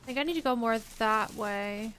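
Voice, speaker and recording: A woman streaming a survival game keeps up a relaxed, rambling chat. Her voice sits a little on the high side, and she often turns to address viewers and teammates by name. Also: moderate pace, slight background noise. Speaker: livestreamer. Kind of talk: casual gameplay chat while reading chat.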